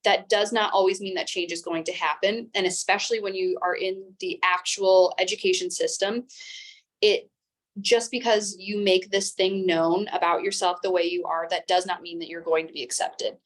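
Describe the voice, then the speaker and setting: Calm, even-toned young woman teacher. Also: on the low side, normal speed. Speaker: teacher and interview guest. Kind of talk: interview conversation.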